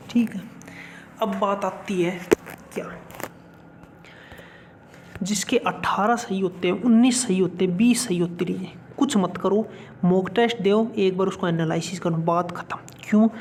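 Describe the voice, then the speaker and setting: A man's voice: high-pitched, darkish tone, a little hiss or hum. A man giving blunt, colloquial exam-strategy advice as a coaching YouTuber. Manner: blunt, colloquial, keeps saying "bhai sahab".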